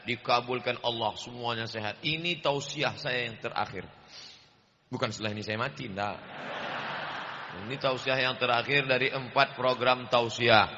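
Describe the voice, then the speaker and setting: A man preaching a lively, joking sermon in a mosque, speaking loudly and booming into a microphone. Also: normal speed, long reverb tail, dull audio, a little hiss or hum. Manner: loud, booming delivery. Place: large mosque with overflow crowd outside.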